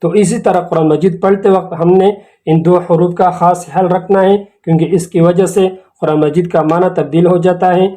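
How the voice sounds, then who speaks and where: A man teaching Quran recitation in a slow, patient lesson, repeating key words and phrases. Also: high voice, steady tone, mellow. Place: academy channel video lesson.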